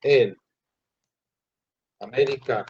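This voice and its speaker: A male teacher giving a classroom lecture, who asks the students questions and pauses mid-phrase. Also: mid-range voice, a little mellow, breathy edge. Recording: dull lo-fi classroom recording.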